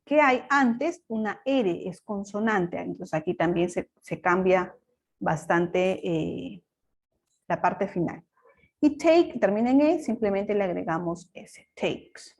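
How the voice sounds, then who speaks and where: A woman's voice: medium pitch, slow. A woman teacher, patiently explaining grammar rules step by step in a recorded lesson. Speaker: English teacher.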